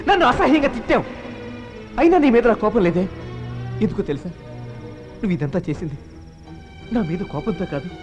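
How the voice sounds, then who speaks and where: An actor dubbing a dramatic, lovestruck young man in a film, with emotional, pleading delivery. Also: very high voice. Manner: emotional and pleading, swinging to bravado. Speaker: film hero. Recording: film soundtrack with music score.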